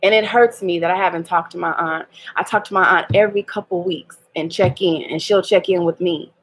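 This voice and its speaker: A woman's voice: fairly low pitch, fairly even intonation, fairly quick, a little hiss or hum. A woman, talking candidly in a personal vlog, hurt and laughing ruefully through her restarts. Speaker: vlogger.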